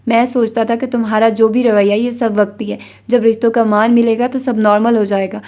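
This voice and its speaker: A woman's voice: fairly high pitch, little pitch movement, warm tone, lightly acted. A woman voicing a wounded young husband who speaks coldly and reproachfully in a novel reading. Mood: cold reproach. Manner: cold, reproachful.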